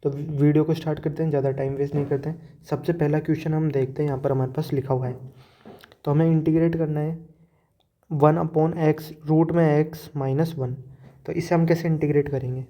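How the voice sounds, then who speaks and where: Guy teaching integration problems, explains every step, pretty monotone, kinda lo-fi audio. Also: fairly high pitch. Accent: Hindi-speaking Indian. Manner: explanatory, mixes English math terms into Hindi. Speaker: math teacher. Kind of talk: whiteboard lecture, step-by-step explanation.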